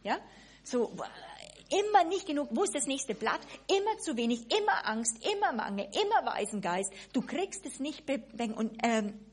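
A woman delivering a sermon, with a voice pitched a bit high and a husky edge. She talks in a lively, spontaneous way, often restarting her sentences. She acts out small asides as she goes. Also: normal speed. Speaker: preacher.

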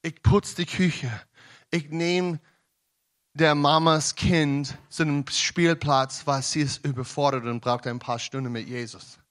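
A young man preaching a sermon in German, with frequent restarts, at times rising to emphatic shouting. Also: on the high side, fairly even intonation, measured pace.

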